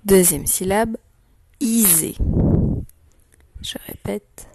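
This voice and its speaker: A woman teacher giving a slow dictation lesson to young children, saying each syllable clearly and repeating it. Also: on the low side, lively intonation, noisy background. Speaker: primary school teacher.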